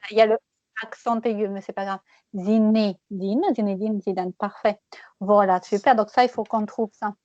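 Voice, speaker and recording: A woman teaching French pronunciation one-on-one, patiently repeating words slowly and laughing often. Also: medium pitch, little pitch movement, darkish tone, no echo, lo-fi sound.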